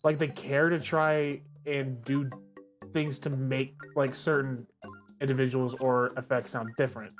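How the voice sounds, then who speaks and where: This streamer speaks at an ordinary middle pitch and doesn't hold back opinions, dropping curses all through casual gaming-stream chat. Faint game music plays quietly behind the voice. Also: flat delivery, a little slow. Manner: blunt, opinionated, swears often.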